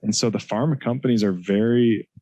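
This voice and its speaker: A man with a lowish voice talks in an interview clip, calm and conversational. He has a slightly wry tone. The sound is dry and close. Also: brisk, dry recording, dull audio.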